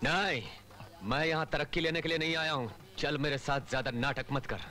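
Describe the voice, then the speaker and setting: An actor dubbing a cocky young police officer who talks in a wry, theatrical way. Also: male voice, fairly high pitch, a little fast, sharp tone, soft background music. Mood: stern. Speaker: hero in a dubbed film. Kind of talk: Hindi film dubbing.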